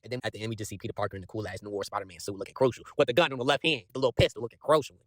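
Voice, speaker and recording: A young man casually recapping a comic in a slangy, profane, animated way, often restarting his sentences. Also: lowish voice, rapid-fire, no echo.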